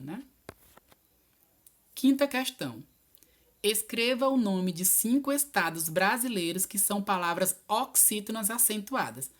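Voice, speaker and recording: Patient woman teaching a lesson. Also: mid-range voice. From Piauí, Brazil. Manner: patient, encouraging, spells out each answer slowly. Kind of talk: video lesson correcting homework.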